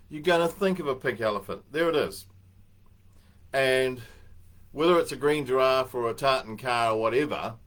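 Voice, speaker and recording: A man's voice: mid-range voice, a bit bright. An older man, giving a casual, anecdotal talk as host, rambling a little and chuckling at his own story.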